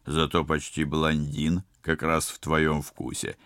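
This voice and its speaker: A man's voice: rumbling low, monotone, slow pace, a bit bright, no echo, studio quality, full character voice. A man voicing a sarcastic young male pilot in an audiobook, his lines drawled and mocking. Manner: mocking, cheeky.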